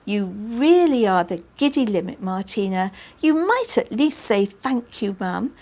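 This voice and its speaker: Woman narrator doing a storybook mum, gushy and scolding, a little higher than her own voice. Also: big pitch swings, unhurried, mellow. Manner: bossy, scolding, gushing. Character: fussy doting mum, woman, middle-aged. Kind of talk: audiobook reading.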